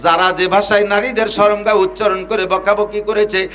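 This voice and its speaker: A man preaching a Bengali waz sermon with a Bangladeshi accent, telling scenes dramatically, rising to shouts and chanting Arabic verses. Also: flat delivery, normal speed. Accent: Bangladeshi Bengali, Gopalganj region. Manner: dramatic, swings between low storytelling and high shouting, chanted Arabic.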